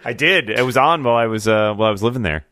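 A man's voice: mid-range voice, racing, bright, forceful tone, dry recording. A man hosting a podcast in casual chat, telling stories animatedly and laughing often. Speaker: podcast host.

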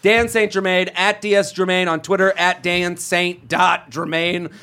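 A man hosting a casual comedy podcast, telling stories in an animated way and swearing casually. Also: sits high, a little slow. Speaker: podcast host.

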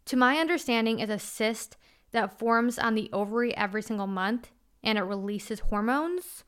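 A woman's voice: on the high side, smooth. A woman in her twenties hosting a solo podcast, talking frankly and casually with crude slang. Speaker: podcast host.

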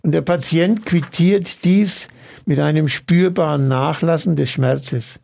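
A man who runs a treatment practice, explaining his therapy approach earnestly and in measured steps in an interview. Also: on the high side, creaky, darkish tone. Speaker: osteopathic practitioner.

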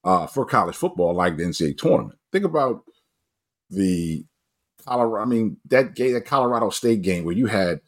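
Excitable low-voiced coach talking sports. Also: male voice, fairly quick. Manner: animated, pitch jumps up when excited, frequent restarts. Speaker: coach and guest analyst. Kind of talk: casual sports talk.

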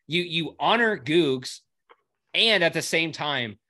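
A man's voice: fairly high pitch, animated, slow, bright, forceful tone. Casting: young male co-host, stammery and playful, casual podcast banter. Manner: stammering, repeats words, jokey. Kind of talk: casual sports chat.

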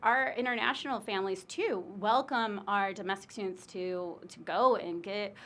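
A woman's voice: mid-range voice, steady tone, normal speed, fairly bright tone. A woman from Illinois who works as an international admissions recruiter. She talks in a casual interview, with plenty of ums and you knows. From Illinois, United States. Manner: chatty, many fillers like um and you know.

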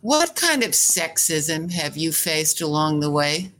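Low-voiced woman interviewer. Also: big pitch swings, slow, fairly bright tone. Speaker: host and reporter. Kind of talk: interview questions.

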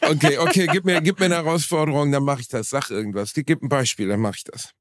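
A man's voice: on the high side, fast, dry recording, studio quality. A man co-hosting a podcast in casual chat, rambling earnestly with many fillers. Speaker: podcast co-host.

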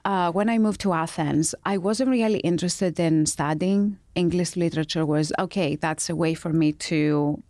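A woman's voice: on the low side, normal speed, few pauses, darkish tone, dry recording, studio quality. A middle-aged woman from Greece, a guest telling her story in an interview conversation with some fillers. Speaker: guest entrepreneur.

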